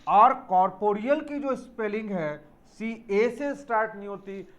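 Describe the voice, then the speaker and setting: A man's voice: sits high, normal speed. A man teaching an English spelling lesson for exam students, explaining step by step, spelling words out letter by letter and calling his students children.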